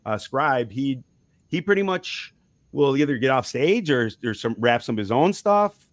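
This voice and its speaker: Very animated and speaking at a normal speed, this man has a medium-pitched voice and no room sound around him. He's a musician being interviewed casually about his band, rambling with small laughs and frequent restarts.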